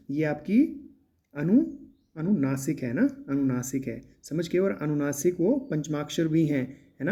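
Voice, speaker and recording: Man, teacher, mock exam walkthrough, warm dark tone, repetitive check-ins. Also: a little high. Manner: many drawn-out hesitations.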